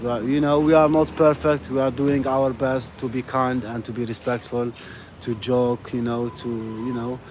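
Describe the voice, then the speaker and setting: A man's voice: medium pitch, little pitch movement, normal speed. A man from Algeria, chatting casually on a live stream while walking down a city street, rambling and friendly, with "you know" and "bro" in nearly every phrase. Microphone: phone. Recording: outdoor street noise with passing traffic. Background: urban ambience and vehicles.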